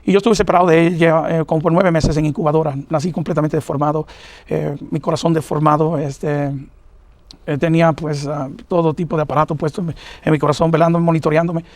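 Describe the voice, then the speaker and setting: Middle-aged guy preaching his testimony, rushes along, lots of uhs, pretty high voice, dry close sound. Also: flat delivery, darkish tone, dry recording. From New York, of Puerto Rican parents. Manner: earnest, halting, many fillers. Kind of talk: personal testimony in an interview.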